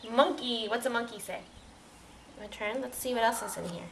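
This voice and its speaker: A woman's voice: a little high, normal speed, vocal fry, a bit bright, a little hiss or hum, rough recording. A woman reading picture books to a toddler at home, talking in a sing-song way, asking simple questions and making animal sounds.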